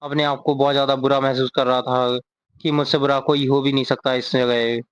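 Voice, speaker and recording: A man voicing a timid, ashamed teenage boy in a subdued, flat way, recapping a comic story. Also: medium pitch, a little fast, clean tone, no room sound, lightly acted. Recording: dull lo-fi recording.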